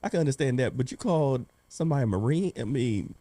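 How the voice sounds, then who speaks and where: A man's voice: medium pitch, animated, fast talker, dark tone, dry recording. A man, hosting a casual real estate chat, teasing his co-hosts and then explaining earnestly. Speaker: podcast host, real estate agent.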